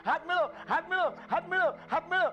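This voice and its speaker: An actor as a teasing, high-voiced husband. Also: male voice, animated, moderate pace, dull audio, natural voice. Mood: excited. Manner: teasing and curt, bursts into loud cheer. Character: teasing, quick-tempered husband in a bickering marriage. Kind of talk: TV serial acting.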